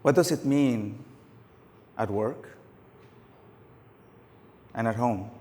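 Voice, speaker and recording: A middle-aged man whose voice is giving out speaks very slowly in a mid-range, dark tone. On stage in a large conference hall, he gives a casual talk packed with anecdotes and fillers. Long hall reverb trails his words.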